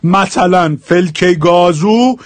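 A young man with a Shirazi accent teaching his dialect in a casual, joking video lesson, slowing down to spell out examples. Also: high-pitched, no echo. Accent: Shirazi Persian.

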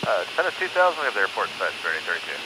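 Male pilot over the radio, quick clipped readbacks, heavy engine noise. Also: sits low, very animated. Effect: pilot over the aircraft radio. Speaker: airline pilot reading back clearances. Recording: radio transmission under loud aircraft noise.

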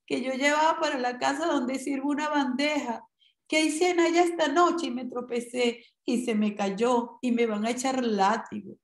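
A woman's voice: high voice, fairly even intonation, normal speed, roomy sound. Woman voicing a timid orphan servant girl. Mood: plaintive. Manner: timid, pleading.

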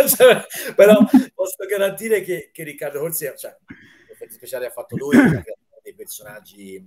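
Chatty man on a video call. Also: on the low side. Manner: talkative, enthusiastic, often restarts words. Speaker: fan film maker, guest. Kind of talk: casual live-stream interview.

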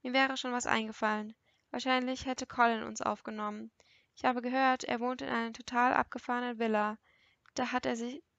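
A woman's voice: a little high, flat delivery, brisk, gravelly, fairly bright tone, no echo, lo-fi sound. A woman voicing a guarded, self-reliant young woman in an audiobook, speaking defensively and close to tears. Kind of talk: audiobook character reading.

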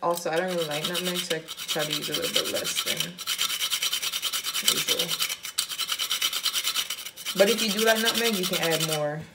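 Chatty woman over loud kitchen clatter. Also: lowish voice, steady tone, moderate pace, pauses often, very noisy. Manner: chatty, offhand asides while measuring. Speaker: cooking vlogger. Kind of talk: casual cooking demonstration. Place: home kitchen, indoors.

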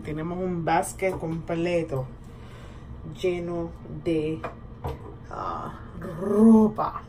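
In this casual bilingual vlog, a woman walks through her skincare routine, easily mixing Spanish and English. She speaks slowly in a fairly low pitch. The clip is clearly noisy, shot in a small indoor bathroom on a camera or phone held at about arm's length.

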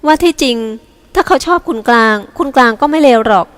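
A woman's voice: high-pitched, fairly quick, in a large hall, pitched above the performer's own voice, lightly acted. A woman voicing a composed, protective older sister who presses her sibling for answers, in an audiobook. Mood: coaxing. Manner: pressing, demanding.

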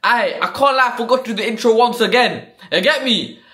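A man's voice: very high voice, fairly quick, pushed and bright. A young man vlogging on a city street in a put-on Bradford accent, full of slang, brash and teasing. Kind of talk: comic street vlog.

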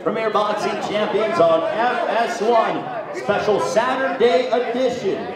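A man announcing a boxing weigh-in on a handheld microphone, showy and booming, drawing out names like a lucha libre announcer. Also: expressive, unhurried. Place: large indoor hotel event room. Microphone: handheld microphone through PA. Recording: very echoey hall PA, crowd behind.

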